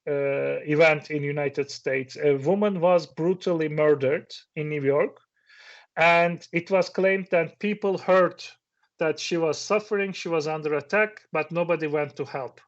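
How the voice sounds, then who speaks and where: Here a middle-aged man, Turkish by first language, speaks a little slowly in a voice on the high side. It's a reflective conference talk where he questions the audience and now and then restarts, and the sound is dull and lo-fi.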